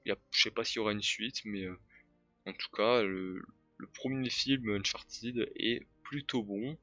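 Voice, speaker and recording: A man's voice: on the low side, pushed and bright, dry recording. A young man giving casual, hesitant film reviews, with many fillers and restarts. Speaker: YouTuber reviewing films.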